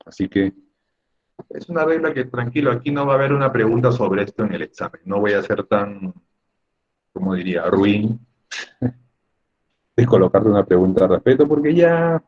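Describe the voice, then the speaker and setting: A man's voice: on the low side, husky, muffled recording. A man teaching a spelling lesson in an online class, chatty and joking with his students over a computer mic.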